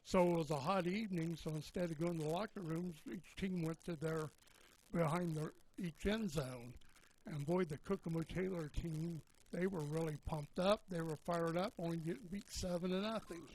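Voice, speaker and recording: A man's voice: fairly high pitch, moderate pace, a little mellow, a little hiss or hum, rough recording. Folksy older man telling a story. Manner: folksy, meandering, self-correcting. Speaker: color commentator on local radio. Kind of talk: rambling storytelling on a sports broadcast.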